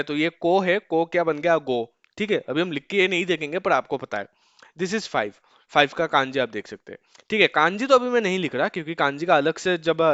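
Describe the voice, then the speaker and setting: A man teaching a beginner language lesson in a casual spoken style, often checking in with "okay" and slowing down to drill words. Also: fairly high pitch, fairly bright tone, clear, resonant tone, no echo, dull audio. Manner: repeats "ठीक है" often, slows to drill numbers.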